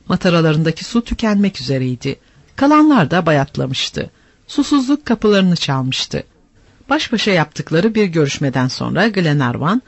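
A man narrating an adventure story aloud in an expressive, animated reading style. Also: high-pitched, no echo. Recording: dry, slightly dull lo-fi.

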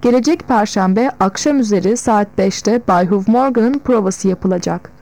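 A woman reading an audiobook, voicing a gruff, bossy old male village tailor who snaps at everyone. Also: mid-range voice, normal speed, darkish tone, close to an everyday voice, poor audio. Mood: businesslike. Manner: bossy, snapping.

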